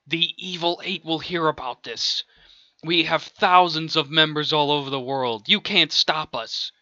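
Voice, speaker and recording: A man voicing an angry male villain henchman who yells in a shrill, hot-tempered way, on a dull lo-fi recording. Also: measured pace, no echo. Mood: defiant. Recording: dull lo-fi dry home recording.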